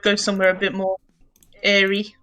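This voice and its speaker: A woman's voice: mid-range voice, completely flat delivery, moderate pace, fairly bright tone. A woman playing a tabletop game, chatting casually with the group. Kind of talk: casual chat. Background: background music.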